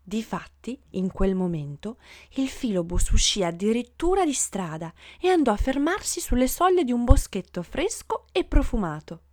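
Lively woman reading a storybook aloud. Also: moderate pace, no echo, clean studio sound. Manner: lively, voices the passengers' shouts with big jumps in pitch.

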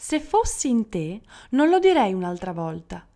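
A woman's voice: medium pitch, sing-song, normal speed, dark tone. A woman voicing a stern, knowing male genie of the deserts in a storybook reading.

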